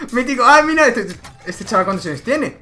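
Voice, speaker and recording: Lively young man reacting. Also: extremely high pitch. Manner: slangy, laughs often, animated. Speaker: YouTuber reacting to clips. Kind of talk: casual reaction commentary.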